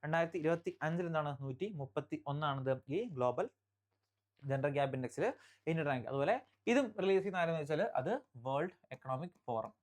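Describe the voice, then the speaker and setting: A teacher from Kerala giving an exam-prep current affairs lecture. The teacher repeats key facts, checks in with listeners often, and reads English headlines slowly before explaining them. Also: medium pitch.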